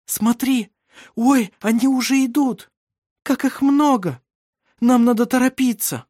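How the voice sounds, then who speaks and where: A woman's voice: fairly high pitch, slow, a little mellow, no echo, clean studio sound. A woman voicing a frightened young woman in an audiobook, pleading in anxious, breathless exclamations. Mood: urgent. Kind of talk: audiobook character reading.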